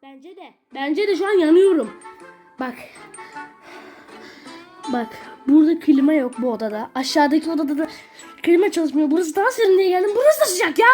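Very high-pitched woman ranting while gaming. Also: animated, normal speed, long pauses, mellow, faint music behind. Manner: irritable, swears constantly, rants at the game. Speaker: gaming video creator. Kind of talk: ranting gameplay commentary. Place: small bedroom at home.

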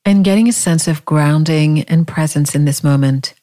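In a low voice, a woman guides a body scan meditation, speaking calmly, gently and without hurry, with long pauses left between her words.

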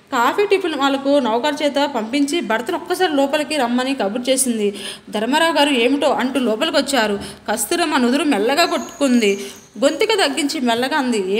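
A woman narrating a novel aloud in an even, unhurried reading. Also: high-pitched. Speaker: novel reader. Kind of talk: storybook narration.

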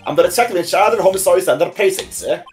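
Man doing a bumbling loud detective. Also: high voice, lively intonation, very fast, soft background music. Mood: eager. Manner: loud, stumbling, keeps saying sir. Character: bumbling eager male detective.

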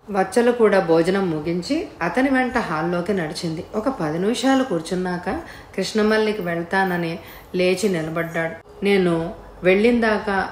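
A woman narrating an audiobook story in a steady, measured voice. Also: lowish voice, roomy sound, a little hiss or hum.

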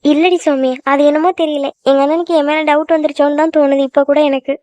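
A woman's voice: high voice, level tone, fast talker, a little mellow, dry recording. A woman voicing young women in a Tamil-language cartoon, in worried, confiding chatter.

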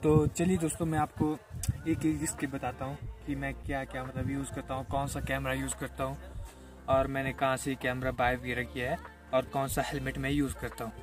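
A man's voice: mid-range voice, little pitch movement, fairly quick. A young man casually showing his gear outdoors, talking in a rambling way with many filler words. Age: young adult. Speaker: vlogger. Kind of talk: casual chat. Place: outdoors on a hillside by a motorbike. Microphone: camera held by a helper a few steps away. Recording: distant outdoor camera audio with loud music.

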